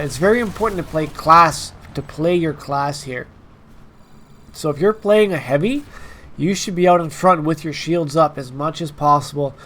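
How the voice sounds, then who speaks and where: A man's voice: on the high side, a bit bright. A man with a congested, stuffed-up nasal voice from allergies, hosting informal, emphatic gameplay commentary straight to his viewers. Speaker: gaming video host.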